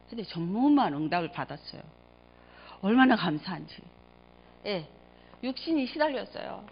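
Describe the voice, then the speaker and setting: Fervent woman pastor preaching. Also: a little hiss or hum. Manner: emotional storytelling, swings between loud exclamations and quiet low asides. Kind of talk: sermon. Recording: dull lo-fi sound.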